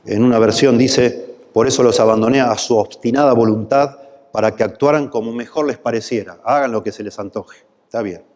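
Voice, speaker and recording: A male pastor with a Rioplatense Spanish accent delivers a sermon at a mid-range pitch. His preaching swells into impassioned, pleading peaks. A long church-hall reverb trails each phrase. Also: brisk, darkish tone.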